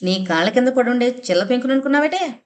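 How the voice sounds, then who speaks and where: A woman reading the part of a harsh middle-aged husband who threatens and blusters rapidly. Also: fairly low pitch, natural voice. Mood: angry.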